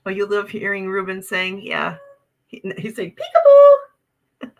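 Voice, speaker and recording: Here the Wisconsin livestream host sounds creaky and lo-fi, her medium-pitched voice swinging hugely in pitch at a measured pace. She chats casually in an Upper Midwest American accent, bubbling over as she exclaims her way through viewer comments.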